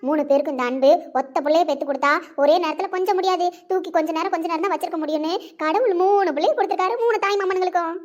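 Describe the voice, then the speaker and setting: A woman playing an emotional young pregnant woman who laughs and talks rapidly in a home video drama. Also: very high voice. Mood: teasing, pleading.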